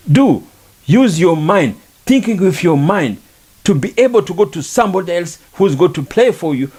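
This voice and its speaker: Slow, earnest man. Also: fairly high pitch, mellow, slightly rough. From Rwanda. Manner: earnest, repetitive, preaching. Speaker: podcast speaker. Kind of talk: reflective monologue on faith and culture.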